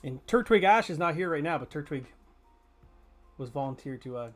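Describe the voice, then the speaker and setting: A man's voice: a little high, animated, normal speed, faint music behind. Chatty man streaming a game. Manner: chatty and joking, answers chat, swears casually. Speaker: gaming streamer. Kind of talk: casual live gameplay chatter.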